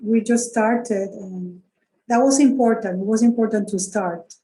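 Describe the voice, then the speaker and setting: A woman from Rico, a guest in a conversation on a video call, speaking thoughtfully and hesitantly with soft laughs. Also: a little high, a little slow, low-quality recording. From Puerto Rico. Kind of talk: conversational interview.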